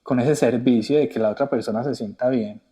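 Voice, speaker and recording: A man hosting a podcast, asking thoughtful questions that he builds slowly. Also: medium pitch, mellow, breathy edge. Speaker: podcast host. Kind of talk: conversational interview.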